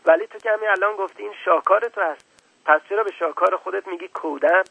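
The little prince, a man voicing a high, indignant boy. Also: gravelly, husky, no echo, phone-quality sound, full character voice. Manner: pleading, rising to angry outbursts.

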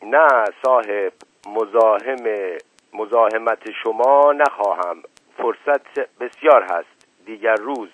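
A man voicing a formal male Indian sardar who speaks slowly in halting, polite phrases, on a dull lo-fi radio recording. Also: on the low side, dry recording, close to an everyday voice. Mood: courteous.

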